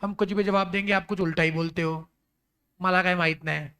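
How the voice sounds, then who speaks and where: A man's voice: sits high, steady tone, a little fast, bright, forceful tone, smooth. A man teaching a law lecture in a classroom, acting out little scenes and talking with students, mixing in English terms.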